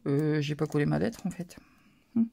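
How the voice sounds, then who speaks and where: A woman's voice: low voice, lively intonation, normal speed, creaky, dark tone, slight background noise. A woman narrating a card-making tutorial, describing each step as she works, with many little fillers and hesitations. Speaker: craft channel host.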